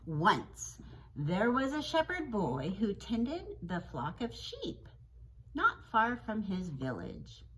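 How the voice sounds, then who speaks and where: A woman teacher reading a children's story aloud in an animated, sing-song storytelling manner. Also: medium pitch, slow pace, a little hiss or hum, low-quality recording.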